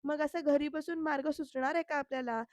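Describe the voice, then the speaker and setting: An earnest young man who pleads his case and coaxes a friend, read out by a woman recapping a serial. The voice sits high. It sounds close and dry. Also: steady tone, fairly quick, a little mellow, no room sound, natural voice. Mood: coaxing.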